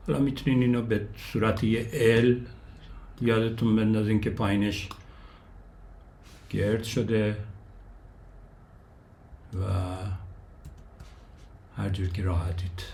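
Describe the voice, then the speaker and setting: A man's voice: on the low side, darkish tone, slight background noise. A man teaching a step-by-step Japanese lesson, counting the strokes aloud and repeating each syllable for learners to copy.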